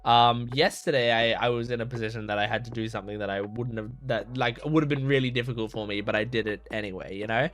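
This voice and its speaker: He talks fast and barely pauses, his mid-range voice fairly bright with fairly even intonation. As an anime reaction host, he offers casual, earnest reflections that ramble, heavy on "like" fillers and restarts.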